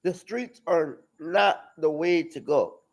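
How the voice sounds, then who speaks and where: A man in his twenties giving a personal testimony, halting and often repeating and restarting his words. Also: on the high side, vocal fry, poor audio. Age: 20s. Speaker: testimony speaker at a live-streamed outreach.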